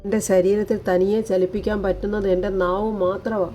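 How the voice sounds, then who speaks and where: Woman reading a despairing bedridden young mum in a serial recap, mellow and soft. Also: medium pitch, little pitch movement, fairly quick, faint music behind, close to an everyday voice. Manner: sorrowful, self-pitying.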